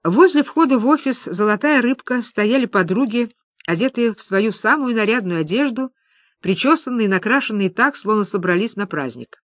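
A woman narrating a story in an expressive audiobook reading, voicing the characters. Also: on the high side, normal speed, dry recording.

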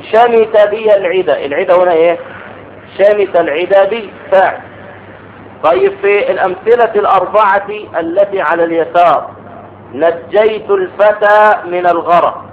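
A man teaching an Arabic grammar lesson, explaining step by step and asking the class questions. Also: high-pitched. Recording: tinny phone-like recording with faint noise.

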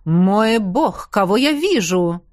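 A woman's voice: medium pitch, lively intonation, slow pace, dry recording. Woman reader as an easygoing male star; chatty, dry. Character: tall adult male actor, a friendly, easygoing celebrity.

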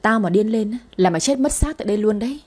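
A woman's voice: medium pitch, animated, fast, slightly rough. Woman doing a menacing gangster man. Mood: sneering. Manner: threatening, shouting.

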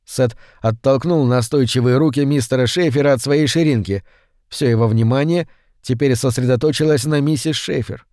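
A man narrating a horror audiobook in a steady, measured reading voice on a close mic. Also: medium pitch, no room sound.

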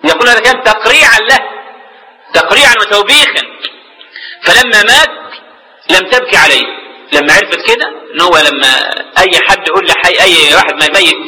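A quick-talking Egyptian sheikh delivers a religious lecture in a high, sharply bright voice. He breaks into colloquial asides and repeats words while searching for them. A long reverb trails his voice through the hall. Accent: Egyptian Arabic. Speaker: sheikh teaching jurisprudence.

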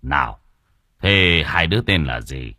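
A man voicing a kindly, calm elderly father who speaks in an unhurried, soothing and gently chiding way. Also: very deep voice, no room sound, clean studio sound, voice pushed down, full character voice.

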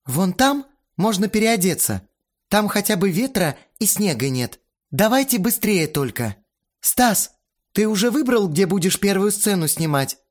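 A brisk, commanding young woman, voiced by a male narrator who runs a film shoot in an audiobook. The voice is pushed well up in pitch and moves a lot as she gives orders. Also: very animated, heavily acted. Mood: bossy.

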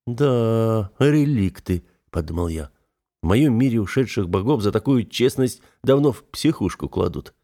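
Кастинг: мужчина-чтец аудиокниги, низкий и мягкий голос. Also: male voice, lowish voice, lively intonation, moderate pace, creaky, dark tone, slightly rough. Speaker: audiobook narrator. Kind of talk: scripted first-person narration.

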